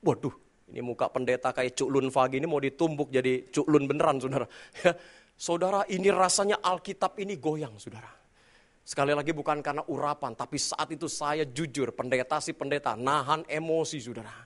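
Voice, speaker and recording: Middle-aged male preacher, raised pitch, comic storyteller. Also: a little fast. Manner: humorous animated storytelling, addresses the congregation often. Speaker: pastor. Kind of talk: sermon.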